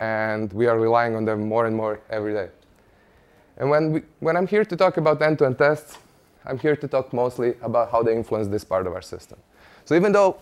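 A man from Croatia, giving a conference presentation in a conversational way with light humor and frequent "uh" fillers. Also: medium pitch. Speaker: conference speaker, engineering manager. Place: conference stage before an audience.

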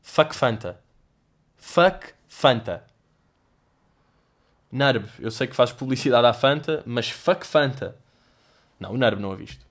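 A man's voice: mid-range voice, moderate pace. A young man from Portugal with a European Portuguese accent, telling stories in a casual, comedic, profanity-heavy vlog monologue. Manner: swears a lot, animated storytelling with mock voices and sound effects. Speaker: host answering viewer questions.

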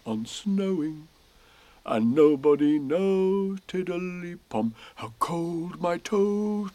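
A man voicing Winnie the Pooh, a kind and slow-witted male teddy bear, in an audiobook. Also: sits high, no room sound, pitched above the performer's own voice, natural voice. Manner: slow, gentle and musing. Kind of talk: audiobook character voice.

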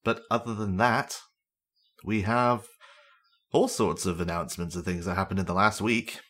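Low-voiced man hosting a solo podcast. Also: moderate pace, fairly bright tone. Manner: rambling, self-deprecating, frequent fillers. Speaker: podcast host. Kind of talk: casual solo podcast chat about games.

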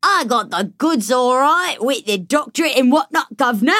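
A woman's voice: high voice, animated, moderate pace, a bit bright, no room sound, studio quality. A woman putting on a bumbling fake British accent. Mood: flustered. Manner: flustered, overdone accent.

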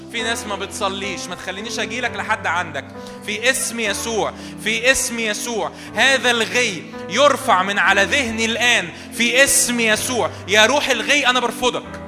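Fervent high-voiced Egyptian pastor praying. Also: male voice. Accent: Egyptian Arabic. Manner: fervent, repetitive declarations. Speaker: pastor leading worship. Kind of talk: charismatic prayer sermon. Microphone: handheld mic. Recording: hall reverb with worship music. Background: worship music.

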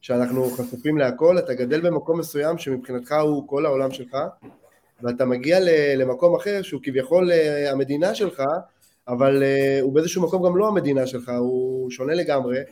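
A man's voice: mid-range voice, mellow. A man co-hosting a podcast, speaking reflectively and thinking aloud with frequent fillers. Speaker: podcast co-host. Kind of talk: casual chat.

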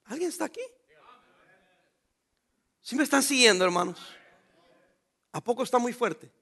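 A man's voice: very high-pitched, expressive, normal speed, creaky, pushed and bright. A middle-aged man, a pastor preaching a sermon with emphatic rhetorical questions to his congregation.

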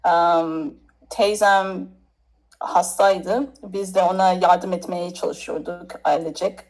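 A woman's voice: on the low side, steady tone, slow, darkish tone, low-quality recording. Hesitant woman from Nigeria chatting. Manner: hesitant, searching for words in non-native Turkish. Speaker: interview guest. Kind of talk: casual interview chat.

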